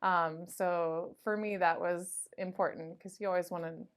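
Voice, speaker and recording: A woman in her late thirties, a sheriff's deputy, chats through her stories in a relaxed interview. Her voice sits a little low, and she fills her talk with "like" and "um". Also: unhurried. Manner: chatty, lively anecdotes with frequent "like" and "um". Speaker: school resource officer, deputy. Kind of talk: casual interview storytelling.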